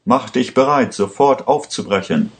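A man voicing a caller who shouts urgent warnings down the phone in an audiobook. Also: mid-range voice, normal speed, pitched above the performer's own voice, close to an everyday voice. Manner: urgent, insistent.

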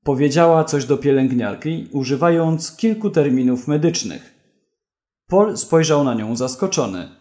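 Male narrator, scripted story reading, slow and measured, slightly high voice. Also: lively intonation, warm tone.

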